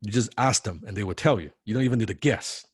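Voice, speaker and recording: A man teaching a sales training class, lively and full of rhetorical questions, acting out what prospects say. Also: on the low side, fast, husky, no echo, clean studio sound. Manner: animated, acts out prospect replies, rhetorical questions. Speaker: sales coach.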